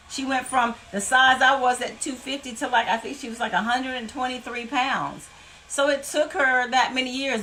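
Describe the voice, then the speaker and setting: A woman's voice: fairly high pitch, a bit bright. A woman from Louisiana, giving an emphatic, folksy motivational talk as a weight-loss vlogger.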